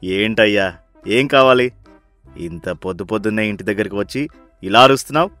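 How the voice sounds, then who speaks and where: A man's voice: fairly low pitch, brisk, fairly bright tone, no echo, soft background music, close to an everyday voice. A man voicing a stingy, sarcastic rich miser who bosses his wife about in a storybook tale. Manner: sarcastic, scolding, impatient. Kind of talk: storybook voice acting.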